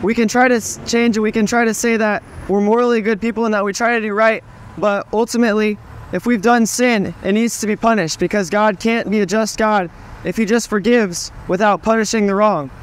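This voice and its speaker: Brief: young Southern US man preaching outside, high clear voice, steady scripture reading. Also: a little fast. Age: young adult. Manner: steady, reads scripture, then speaks plainly with fillers. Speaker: street preacher. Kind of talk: open-air street preaching and scripture reading. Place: outdoors on a town street.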